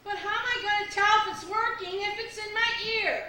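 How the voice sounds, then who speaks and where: An actress playing a hard-of-hearing older woman who is muddled and complains loudly. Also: very high voice, steady tone, fairly quick, a little hiss or hum. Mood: fussy. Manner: scatterbrained, loud and complaining. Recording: echoey stage from far off.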